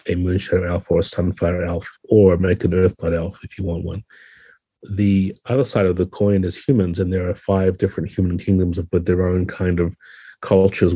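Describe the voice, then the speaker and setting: A podcast guest who designs games speaks in a low, mellow male voice with a husky grain, explaining ideas thoughtfully and conversationally. The recording is close and dry.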